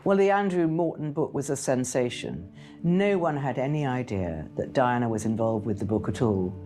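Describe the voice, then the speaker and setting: Woman commentator, documentary interview, chatty with restarts, lively pitch, soft music under. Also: moderate pace. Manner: conversational, hesitant with fillers and restarts.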